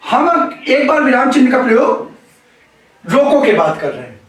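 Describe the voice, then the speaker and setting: Echoey, high-voiced male teacher. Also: very animated, recorded from a distance, slight background noise. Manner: slow, deliberate, repeats key phrases for emphasis. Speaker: Hindi grammar teacher. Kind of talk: classroom lecture. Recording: very echoey room, voice away from the mic.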